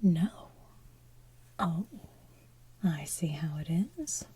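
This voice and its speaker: A woman voicing a smothering, manipulative villain mother from an animated musical, in soft whispered singing. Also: low-pitched, very slow, slight background noise, voice pushed down. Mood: bitter, sarcastic.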